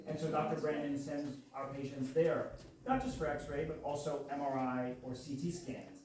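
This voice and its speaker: Male clinic moderator, friendly promotional pitch, distant mic, faint room noise. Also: moderate pace, darkish tone. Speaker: practice representative and moderator. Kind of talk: informational presentation. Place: large echoey room. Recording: echoey room from far off, faint ambience.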